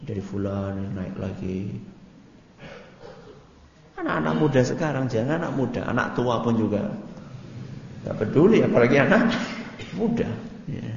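Preacher, chatty and questioning, booming hall with dull lo-fi sound and faint hiss. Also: male voice, normal speed, gravelly, long pauses. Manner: conversational, quizzes the audience, animated jumps in pitch. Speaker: Islamic preacher. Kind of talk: religious study lecture.

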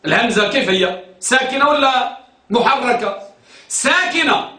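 A man's voice: very high-pitched, lively intonation, normal speed, sharp tone. A man teaching a grammar class, quizzing students and repeating their answers, recorded in a classroom. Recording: echoey room, distant mic.

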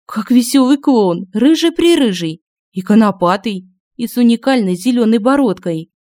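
A man putting on a bubbly high young girl. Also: expressive, moderate pace, a little mellow, dry recording, studio quality. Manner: bubbly, bursting with giggles. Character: cheerful excitable young girl.

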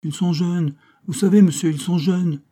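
A fretful, deferential old innkeeper, as a male reader puts him on, raised and pleading, forever calling the visitor sir. The voice is lifted well above the husky, mellow narration. Storybook reading. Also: sits high, steady tone, moderate pace, voice pushed up.

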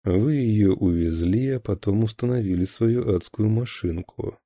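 A man's voice: on the low side, a little slow, mellow, dry recording. A man voicing a hard middle-aged male lieutenant colonel who gives curt questions and orders. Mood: interrogating.

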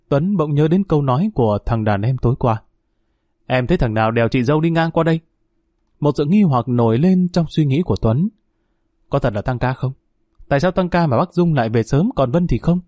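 Male audiobook narrator, measured, mellow, dry studio sound. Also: fairly high pitch, no echo. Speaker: storyteller.

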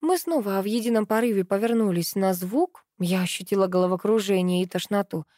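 A woman narrating a first-person novel as an audiobook, in a lively, expressive storytelling manner. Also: medium pitch, a little fast, no room sound, clean studio sound.

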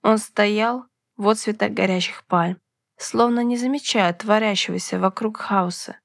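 Woman, audiobook narrator, first-person fantasy story, expressive telling, medium pitch, dry close recording. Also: measured pace, creaky, no room sound.

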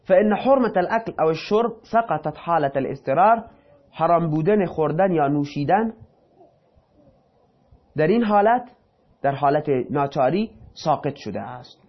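A man with a somewhat high voice teaches a lesson. He reads a passage aloud, then explains it in loose, casual speech. The recording is dull and lo-fi. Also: expressive. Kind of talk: reading and explaining a text.

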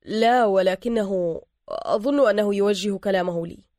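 A woman's voice: medium pitch, normal speed, dark tone, dry recording, clean studio sound, close to an everyday voice. A woman voicing a stern foreign man who speaks in a formal, commanding way. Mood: puzzled.

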